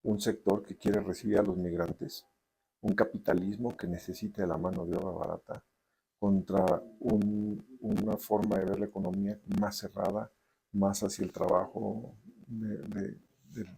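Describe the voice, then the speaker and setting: A man with a Mexican accent speaks in a low, gravelly voice with a dark, husky tone. He answers interview questions deliberately, pausing and restarting often as he works through his thoughts. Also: little pitch movement, rough recording. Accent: Mexican Spanish. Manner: deliberate, many restarts and hesitations. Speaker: novelist guest.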